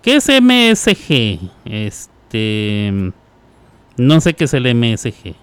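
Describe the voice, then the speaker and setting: A man's voice: medium pitch, wildly swooping pitch, drawn-out words, fairly bright tone, clean tone, dry recording. A man hosting a radio show, chatting casually, teasing listeners and laughing often. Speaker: radio host.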